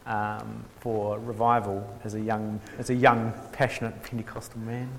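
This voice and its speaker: A New Zealand man gives an informal theology workshop lecture in a reverberant hall, with some background noise. His lowish, gravelly voice is flat and moderately paced. He hesitates a lot, with many ums and restarts, and his humour is dry and self-mocking.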